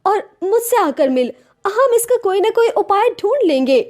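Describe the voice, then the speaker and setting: A woman's voice: very high voice, big pitch swings, unhurried, a little mellow, pitched above the performer's own voice, exaggerated voice. A woman voicing a caring, chatty young friend in a cartoon story. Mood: soothing. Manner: soothing, chatty.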